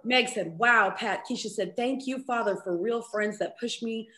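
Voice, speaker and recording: A woman's voice: on the high side, moderate pace, sharp tone. Bubbly woman host in an echoey room. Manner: bubbly and playful, reads viewer comments aloud. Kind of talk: casual livestream chat.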